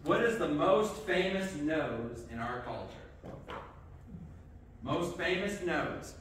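Taking it slowly in a voice on the high side, a middle-aged pastor delivers a lively children's sermon to kids in a church sanctuary with the congregation present, quizzing them and saying "okay" a lot. The far camera records echoey sound with slight background noise.

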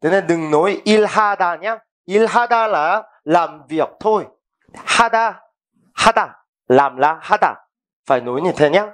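A man teaching a language lesson, explaining vocabulary and repeating each word slowly, often asking if students understand. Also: high-pitched.

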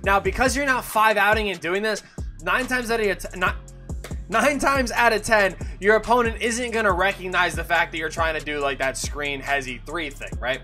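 A young man explains game plays in a loose, chatty way, full of fillers and restarts. His voice sits high and comes across bright and forceful. Faint music plays behind him. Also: moderate pace. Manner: casual and chatty, with many fillers and self-corrections. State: has the hiccups. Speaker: gaming YouTuber. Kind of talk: casual gameplay tutorial commentary.

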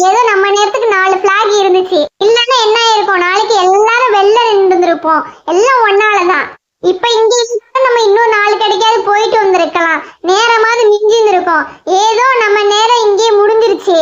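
A woman voicing a hot-tempered young girl in a children's cartoon, scolding and complaining in a rapid-fire way. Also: very high-pitched, a bit bright, muffled recording.

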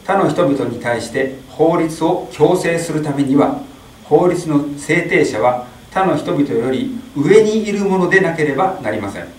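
A middle-aged man reading a translation of a sermon aloud in a small chapel, steady with small slips. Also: fairly high pitch, unhurried. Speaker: interpreter at a Mass. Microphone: stand mic. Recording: echoey chapel, distant mic.

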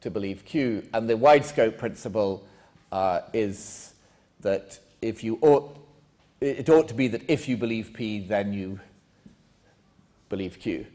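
A man's voice: fairly low pitch, measured pace, pauses often, dark tone. An older man, a philosophy lecturer, answering a question in a lecture room with many hesitant restarts and fillers. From England. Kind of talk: academic Q&A answer.

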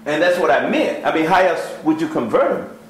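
A man teaching a Bible study class, reading scripture slowly and questioning the class. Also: fairly high pitch, sing-song, slight background noise. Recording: echoey church room.

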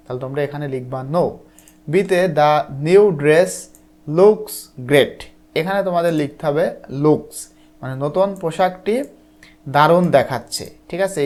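A teacher from Bangladesh explaining textbook answers to students, reading English lines slowly, then translating them and often checking that they follow. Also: medium pitch, a little mellow. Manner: patient, repeats "ঠিক আছে?" to check understanding.

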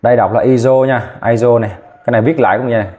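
A man teaching chemistry, dictating formulas slowly and repeating names, often checking whether students follow. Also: medium pitch, fairly even intonation, a little mellow, lo-fi sound. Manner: slow, repetitive, checking in with "ok chưa?". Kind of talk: classroom lesson, dictating formulas.

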